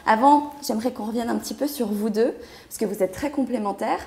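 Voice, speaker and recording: A woman radio host who interviews her guests with enthusiasm and quick affirmations. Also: fairly high pitch, creaky, warm tone, echoey room.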